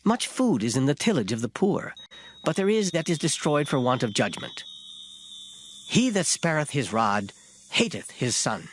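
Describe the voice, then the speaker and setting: In a medium, sing-song voice at a moderate pace, a reader performs scripture in formal King James English, lightly acted yet emphatic and solemn. A faint hiss or hum sits under the voice, and loud music plays behind it.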